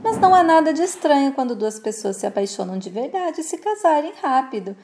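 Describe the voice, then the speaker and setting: A tender young man in love speaks gently and earnestly, as a woman retelling a soap opera voices him. The voice is fairly high with a soft, mellow tone. He sounds like a telenovela romantic lead. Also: sing-song, brisk.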